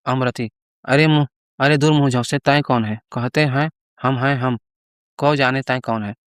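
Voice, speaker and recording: A man voicing a sharp-tongued village housewife who scolds in a rustic village dialect. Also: mid-range voice, steady tone, normal speed, clean tone, dry recording, clean studio sound, natural voice. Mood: scolding.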